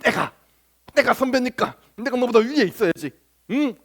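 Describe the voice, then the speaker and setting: A high-voiced, bossy disciple boasting that he outranks his brother, as a preacher puts him on. He talks down with smug insistence. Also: lively intonation, moderate pace, creaky, fairly bright tone, heavily acted. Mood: boastful. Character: apostle Andrew, boastful elder brother-disciple.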